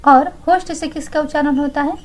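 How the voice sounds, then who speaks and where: A woman's voice: high-pitched, fairly even intonation, a little fast, darkish tone, poor audio. A young woman teaching exam answers, explaining each one and then repeating it to check understanding.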